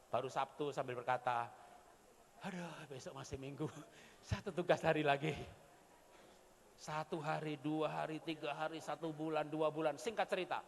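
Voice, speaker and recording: Middle-aged male seminar speaker, animated storyteller, reverberant hall. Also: on the high side, a little hiss or hum. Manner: animated storytelling, acting out quotes. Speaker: parenting speaker. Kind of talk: motivational seminar talk. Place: large event hall.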